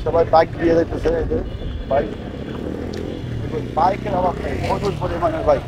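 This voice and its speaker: A man's voice: on the high side, steady tone, moderate pace. A man chatting casually as a travel vlogger outdoors, repeating himself as he points out the sights. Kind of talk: casual vlog narration. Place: outdoors by floodwater and roads. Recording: noisy outdoor phone recording.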